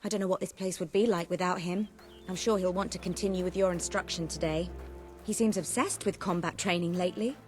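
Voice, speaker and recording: An actress as a gentle, worried noblewoman. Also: on the low side, steady tone, brisk, natural voice. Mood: reassuring. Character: caring, worried young noblewoman, confidante to a prince. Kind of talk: video game voice acting. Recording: clear background music.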